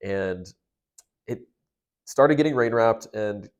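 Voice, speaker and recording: Low-voiced young man telling a story. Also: slow pace, muffled recording. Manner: conversational, detailed, recounting step by step. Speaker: storm chaser. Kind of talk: casual storytelling of a past experience.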